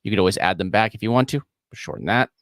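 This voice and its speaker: A man's voice: on the low side, quick pace, fairly bright tone, no echo. A man hosting a live screen-share editing tutorial, talking casually and rambling with frequent chuckles. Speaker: host.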